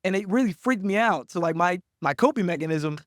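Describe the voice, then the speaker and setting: A man's voice: high voice, brisk, no room sound, clean studio sound. A young man with a slight lisp, a guest telling stories in a casual interview and acting out other people's lines in a raised voice. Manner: animated storyteller, acts out others in a raised voice. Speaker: podcast guest, entrepreneur.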